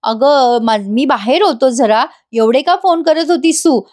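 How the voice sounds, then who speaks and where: A woman's voice: sits high, measured pace, darkish tone. Irritated defensive young husband, curt, read by a woman. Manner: curt, snapping.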